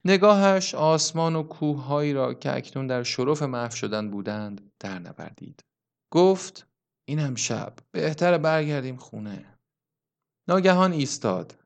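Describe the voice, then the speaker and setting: A man narrating an audiobook in a measured, subdued reading voice. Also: medium pitch, expressive, gravelly, clean tone. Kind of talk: scripted narration.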